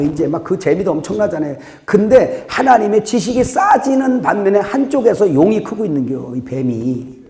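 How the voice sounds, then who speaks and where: A man preaching a sermon as pastor, swinging between loud outbursts and quiet asides, laughing at his own jokes. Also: high voice, reverberant.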